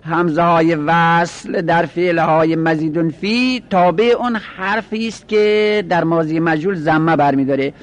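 A man lectures in a methodical way, stating each rule and then repeating it. His voice sits a little high for a man. He sounds like a teacher talking a class through a lesson. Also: hardly any pauses, highs cut off. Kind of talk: lecturing on Arabic grammar.

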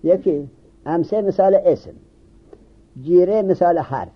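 A man's voice: high-pitched, breathy edge. A man giving a classroom grammar lesson, often asking questions and answering them himself. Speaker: seminary teacher. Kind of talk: classroom lecture on Arabic grammar. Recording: dull lo-fi recording.

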